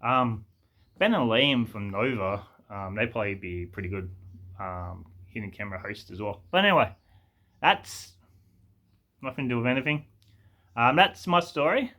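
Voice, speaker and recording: A man tells a story in a loose storytime monologue. His voice is bright and forward, and he rambles along, stumbling and restarting with plenty of fillers. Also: medium pitch, normal speed, pauses often. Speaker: vlogger telling a story.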